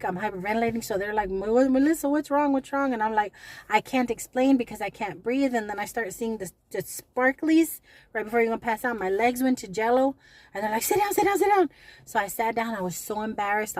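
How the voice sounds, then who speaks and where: A woman's voice: mid-range voice, no echo. A middle-aged woman venting in a personal vlog, anxious and rambling, often repeating herself. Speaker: vlogger. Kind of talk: emotional personal vlog rant.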